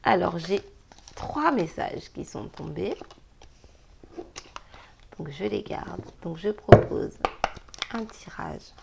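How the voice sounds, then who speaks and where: A woman's voice: lowish voice, lively intonation, takes it slowly, gravelly, pauses often, background noise. A woman giving a casual daily card reading, chatty and emphatic, breaking into laughs as she gives advice. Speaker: tarot card reader.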